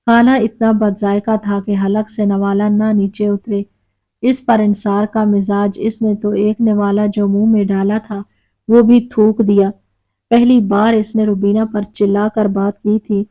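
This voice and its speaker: A woman narrating a moral story in a steady storytelling manner. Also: medium pitch.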